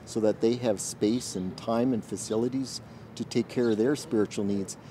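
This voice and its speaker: A man in his forties, a military chaplain, answers interview questions outdoors in an earnest, thoughtful way and pauses often to find his words. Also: lowish voice, fairly even intonation, dark tone, slight background noise. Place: outdoors in a garden.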